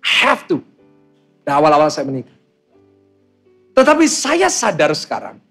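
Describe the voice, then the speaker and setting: Young pastor preaching loud to his congregation. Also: fairly high pitch. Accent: Indonesian. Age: young adult. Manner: emphatic, calls on the congregation to answer. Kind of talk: sermon.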